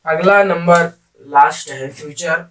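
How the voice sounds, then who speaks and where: A man gives a classroom-style grammar lesson in Hindi with English terms, teaching like a schoolteacher: repetitive, question-and-answer, addressing his students and repeating key phrases. His slightly high voice is bright and forceful at a slow pace, recorded with a distant microphone.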